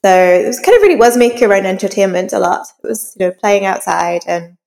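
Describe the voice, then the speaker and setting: A crime novelist in her forties from rural Northern Ireland chats casually as an interview guest, her accent clear and her voice a little congested from a cold. She speaks fast and expressively at medium pitch, with vocal fry, a darkish tone and a long reverb tail.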